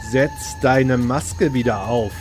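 A man voicing a hot-headed, ruthless gunman who shouts his orders in a high, loud voice. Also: sing-song, unhurried, gravelly, heavily acted. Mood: angry. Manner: shrill, loud and barking. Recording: read over loud background music.

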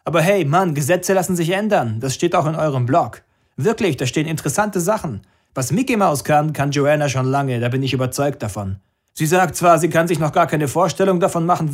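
A man's voice: fairly high pitch, pitched above the performer's own voice. A man voicing a scheming, greedy male music businessman on the phone, pushy and smug, in an audiobook. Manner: pushy, smug, talks over objections. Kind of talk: audiobook character voice.

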